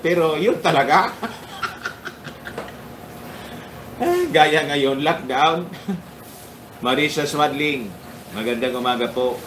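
A man's voice: medium pitch, recorded from a distance, background noise. A man hosting a casual political commentary livestream, chuckling often and greeting his viewers by name. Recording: echoey room.

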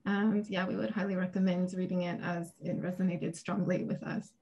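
A woman's voice: on the low side, flat delivery, moderate pace, gravelly, dark tone. A woman in her thirties presenting research and answering questions on a video call, talking casually with hesitations and laughs. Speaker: academic presenter. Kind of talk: conference presentation and Q&A. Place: small home room with shelves. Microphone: video call webcam.

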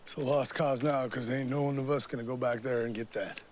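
A man acts out an easygoing young stoner hiker who drawls in loose slang at a middling pitch. Faint noise sits behind him outdoors in the woods. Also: fairly even intonation, a little fast, close to an everyday voice. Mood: uneasy. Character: laid-back stoner young male hiker. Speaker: laid-back hiker. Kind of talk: film acting.

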